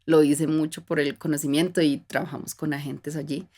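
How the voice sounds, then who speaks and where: Low-voiced Colombian woman, reflective. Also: little pitch movement, fairly quick. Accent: Colombian, Bogotá. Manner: reflective, warm storytelling with frequent fillers and restarts. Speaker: guest. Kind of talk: casual conversational interview.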